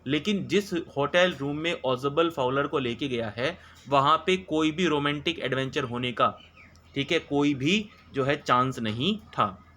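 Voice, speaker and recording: Man slowly explaining an English lesson. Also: a little high, lively intonation, bright, forceful tone, slight background noise. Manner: reads English lines slowly, then explains them; checks in often with filler words. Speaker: teacher.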